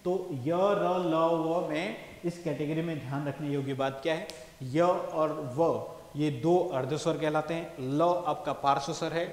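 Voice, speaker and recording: Man teaching in an echoey room. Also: a little high. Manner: explains step by step, often checks with "ठीक है". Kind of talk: classroom lecture. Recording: echoey room, long reverb.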